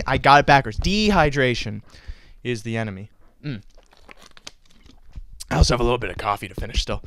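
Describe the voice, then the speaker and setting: A young man hosting a racing podcast, bantering theatrically and mocking himself. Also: sits high. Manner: theatrical, self-mocking, swings into silly voices. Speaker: host.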